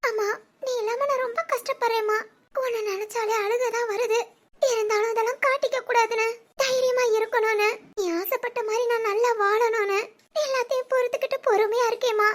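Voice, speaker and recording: Tearful young cartoon heroine. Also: female voice, extremely high pitch, fairly even intonation, a little fast. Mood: grieving. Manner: tearful, pleading, frightened. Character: young village woman, timid and frightened. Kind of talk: animated cartoon voice acting.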